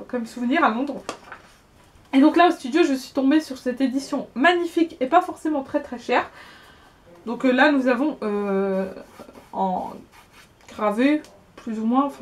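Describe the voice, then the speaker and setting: A young woman in her twenties chatting casually in a haul vlog, hesitant and prone to repeating herself. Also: on the high side. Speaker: book vlogger.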